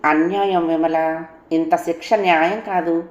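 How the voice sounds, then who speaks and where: Lady reading as a sorry young husband begging forgiveness, slow and soft, echoey room. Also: lowish voice, fairly even intonation, highs cut off, natural voice. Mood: pleading. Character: remorseful young husband pleading with his wife.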